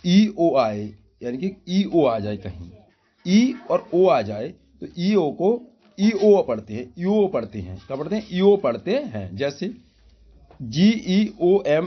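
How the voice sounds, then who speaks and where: Man, pronunciation teacher, lively up-and-down delivery, repeated rhetorical questions, muffled lo-fi audio. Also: a little high, slow, slightly rough. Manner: addresses listeners as brother. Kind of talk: classroom-style spoken lesson.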